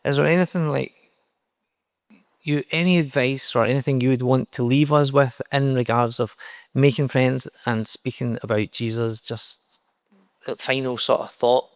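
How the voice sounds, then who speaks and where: A man leading a friendly, relaxed interview on a church stage. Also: mid-range voice, normal speed, no room sound, clean studio sound.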